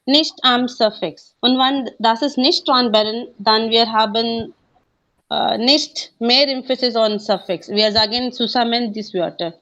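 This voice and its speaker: A woman's voice: fairly high pitch, a little slow, bright, forceful tone. Hesitant woman student on a lo-fi line. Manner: hesitant, searching for words in a second language. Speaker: language student. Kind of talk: online class participation.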